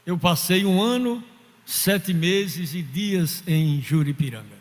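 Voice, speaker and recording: A man's voice: high voice, takes it slowly. A man preaching a fervent sermon as pastor in a church, telling stories and acting out the people in them. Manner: fervent preaching with story-telling and quoted voices. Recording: long hall reverb.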